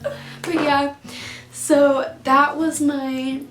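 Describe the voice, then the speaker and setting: A woman's voice: high-pitched, little pitch movement, drawn-out words, a bit bright, reverberant, soft background music. A young woman vlogging casually to camera, rambling and giggly, close to tears as she talks. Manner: rambling, giggly, emotional, many fillers. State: teary, on the verge of crying.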